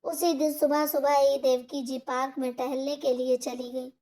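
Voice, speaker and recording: A woman narrating a scripted moral story in a slow, even storybook reading style. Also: sits high.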